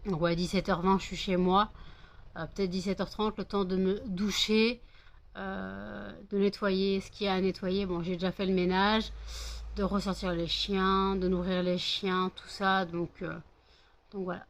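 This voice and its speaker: A woman with a French accent vlogging from home, chatting casually about her day, rambling with many fillers and sometimes raising her voice to scold her dogs. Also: mid-range voice. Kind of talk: casual daily vlog chat.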